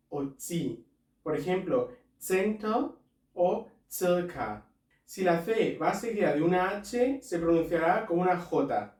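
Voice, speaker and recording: A man's voice: a little high, darkish tone, roomy sound, far from the mic. A man teaching a language pronunciation lesson, explaining each rule step by step and asking listeners to repeat after him. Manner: explains rules step by step, asks viewers to repeat.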